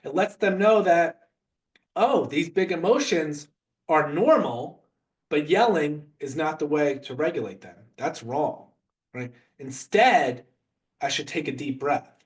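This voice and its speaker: Guy coaching parents, earnest and chatty, kinda high voice, sounds a bit far from the mic. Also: lively intonation, slow. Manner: earnest, conversational, keeps checking in with "right?". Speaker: mindset coach. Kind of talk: motivational parenting talk.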